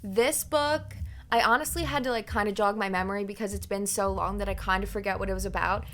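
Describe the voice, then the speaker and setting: A woman's voice: medium pitch, fairly even intonation, quick pace, a bit bright. A young woman chatting casually in a book review, retelling things in an informal, rambling, gossipy way.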